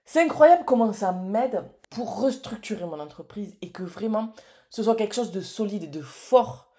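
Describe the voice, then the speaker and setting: A woman's voice: fairly high pitch, mellow. A woman in her late thirties chatting to camera in a casual vlog, effusive and full of hesitations. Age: late 30s. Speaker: entrepreneur and vlogger.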